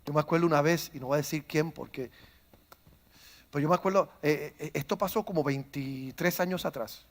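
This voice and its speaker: A man, a pastor preaching a sermon who starts calm and builds to loud, fervent preaching, acting out stories along the way. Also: on the high side, fairly quick. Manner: tells stories, acts out quoted voices. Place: church.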